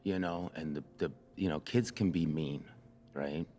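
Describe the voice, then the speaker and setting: A man in his sixties telling his own life story slowly and reflectively, with many pauses and fillers. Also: extremely low pitch, fairly even intonation, dark tone, a little hiss or hum. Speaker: church member sharing his story. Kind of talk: personal storytelling in a conversation. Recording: reverberant room.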